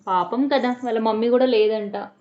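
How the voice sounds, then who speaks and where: Teasing young mother, higher voice. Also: steady tone, moderate pace, a little mellow. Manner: teasing, coaxing, sing-song questions. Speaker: mother vlogging with her toddler. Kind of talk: playful chat with a small child. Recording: muffled echoey home room.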